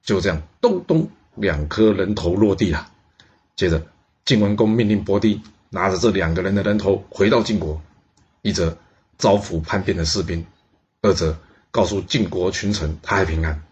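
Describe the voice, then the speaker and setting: A man telling a historical tale in a lively way, exclaiming and speaking asides to the listeners. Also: sits low, moderate pace. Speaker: storyteller. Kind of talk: historical storytelling. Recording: dull lo-fi recording.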